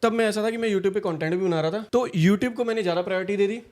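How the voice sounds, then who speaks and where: A young man from India telling his story in a casual interview, talking quickly and packing in fillers. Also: sits high, darkish tone. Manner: fast, storytelling, frequent fillers.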